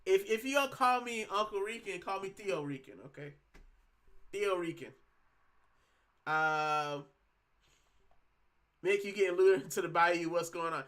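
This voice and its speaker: Streaming casually from his home, a thirty-something Puerto Rican man reads chat comments aloud and rambles in slang with plenty of fillers. His voice is high and a bit bright, moving at a measured pace with long pauses, and his manner is chatty.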